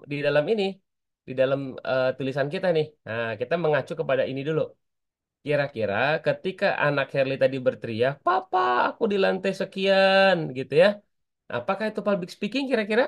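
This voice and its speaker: A man's voice: on the high side, expressive, quick pace. A man teaching an online public speaking class, chatty and constantly asking his students for answers.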